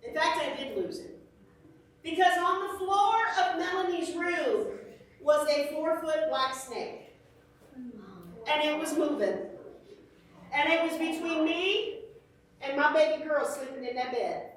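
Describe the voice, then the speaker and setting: A middle-aged woman, telling a lively story as a children's church teacher. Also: sits high, slow, long pauses. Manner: animated storyteller, shrieks when acting out fright. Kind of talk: storytelling lesson to kids. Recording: echoey church room, from far off the mic.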